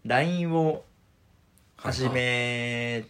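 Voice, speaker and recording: A man's voice: medium pitch, extremely slow, a bit bright, smooth. A man co-hosting a casual podcast, easygoing, laughing often and explaining things plainly. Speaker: podcast co-host. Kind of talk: casual chat.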